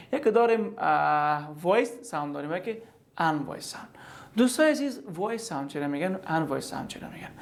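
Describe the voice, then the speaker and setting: Afghan Dari-accented man teaching pronunciation. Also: on the high side. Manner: patient, repetitive, demonstrates sounds aloud. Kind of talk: explanatory online lesson.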